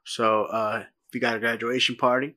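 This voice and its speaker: A man's voice: medium pitch, little pitch movement, moderate pace, sharp tone. A middle-aged man from South Texas co-hosting a podcast, chatting casually with a rambling, self-mocking manner and frequent laughs. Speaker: podcast co-host. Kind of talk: casual chat.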